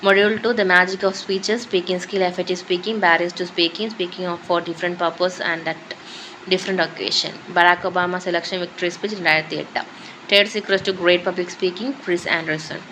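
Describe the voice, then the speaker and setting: A woman's voice: lowish voice, steady tone, slow pace, bright, forceful tone, a little hiss or hum, poor audio. A woman with a Malayali accent reading out a course syllabus as a list of topics, in short phrases that switch between English and Malayalam. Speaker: teacher going through a syllabus.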